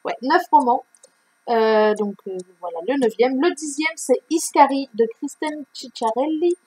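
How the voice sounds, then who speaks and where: A woman's voice: high-pitched, measured pace, warm tone, husky, rough recording. Chatty book vlogger woman. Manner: chatty, many fillers and restarts. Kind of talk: casual reading-list vlog.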